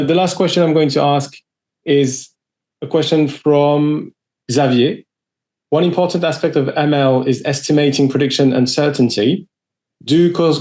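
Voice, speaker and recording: A man's voice: medium pitch, a little mellow. A man hosting a webinar on a video call, reading audience questions to the guest. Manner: reads audience questions aloud. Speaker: webinar host. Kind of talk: moderating Q&A.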